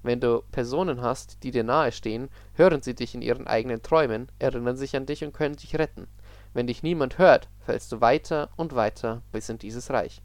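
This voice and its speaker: A man's voice: mid-range voice, fairly quick, no echo, close to an everyday voice. Man reading a weary, sorrowful dream being. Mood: somber. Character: sad weary otherworldly male dream being.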